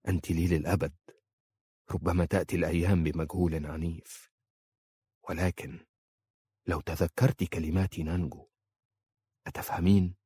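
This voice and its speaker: A man reading an audiobook and voicing a calm, devoted young man who speaks quietly and firmly. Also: deep voice, normal speed, pauses often, slightly rough, no echo. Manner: quiet and firm. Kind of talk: audiobook character voice.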